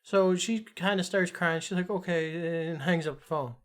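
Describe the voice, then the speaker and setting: A man in his thirties co-hosting a podcast, telling a profane story in a loose, animated way. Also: on the high side, moderate pace. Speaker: podcast co-host. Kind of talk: casual chat.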